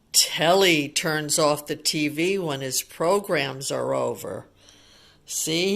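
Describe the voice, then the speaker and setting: Reading a picture book aloud to young children, this woman has a fairly low, slightly bright voice. She chats along with simple explanations and frequently puts questions to the child.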